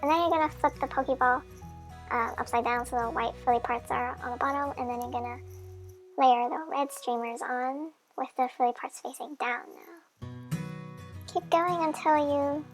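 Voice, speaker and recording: A woman's voice: high-pitched, fairly even intonation, moderate pace, faint music behind. A woman's voice sped up into a chipmunk voice, giving a chatty, friendly craft how-to voice-over with small slips. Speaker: craft tutorial maker.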